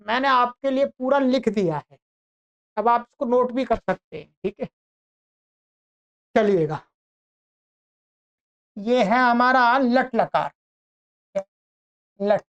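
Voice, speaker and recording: A woman teacher reciting verb conjugations slowly and evenly, one form at a time. Her voice is fairly high and smooth, with a clean, resonant tone. The recording is a bit dull and lo-fi. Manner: recites conjugations in a slow, measured list. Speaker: Sanskrit teacher. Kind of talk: online grammar lesson, reciting verb forms.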